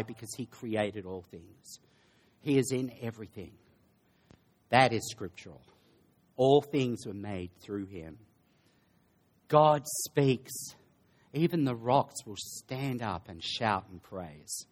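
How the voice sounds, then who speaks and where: A man preaching a sermon to a congregation, dropping into sarcastic asides and building to slow, emphatic lists. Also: medium pitch. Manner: sarcastic asides, drops to quiet then builds. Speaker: pastor. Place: church sanctuary.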